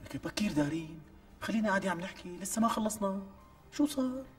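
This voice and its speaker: An actor playing a harried young husband short of money, with a Syrian Damascene accent, protesting in exasperation. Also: male voice, sits high, rapid-fire, lightly acted. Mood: exasperated. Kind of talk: TV sketch acting. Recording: distant mic with faint music.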